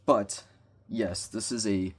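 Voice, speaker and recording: A young man reviews a toy in a casual vlog from his bedroom with bookshelves, rambling awkwardly and cracking self-deprecating jokes in loose slang. His voice is on the low side, steady, slow and slightly rough.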